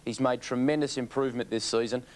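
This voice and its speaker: A man's voice: mid-range voice, steady tone, fast. An Australian man giving race analysis as a harness racing pundit on television.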